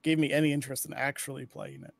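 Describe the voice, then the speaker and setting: A man's voice: fairly high pitch, little pitch movement, fast talker, gravelly, no room sound. A man in a casual gaming chat, dismissive and reflective about games.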